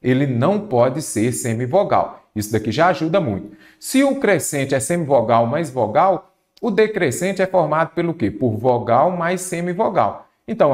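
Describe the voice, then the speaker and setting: A Brazilian Portuguese teacher going through exam grammar questions, asking himself questions and answering them, drawing out key words. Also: male voice, on the high side. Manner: stretches out key words, then speeds up. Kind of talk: exam-prep grammar lesson.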